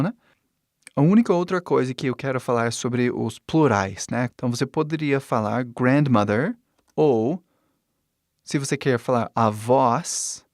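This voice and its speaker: A man in his forties, a native English speaker, giving an online language lesson with patient explanations, slowly repeating words and often checking in with short tag questions. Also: medium pitch, no room sound, studio quality. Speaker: English teacher.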